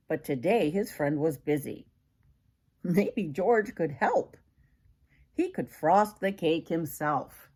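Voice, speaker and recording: A grandmother reads a picture book to young children in a low, slightly rough, somewhat mellow voice. Her reading is expressive, full of dramatic emphasis and side comments to her listeners.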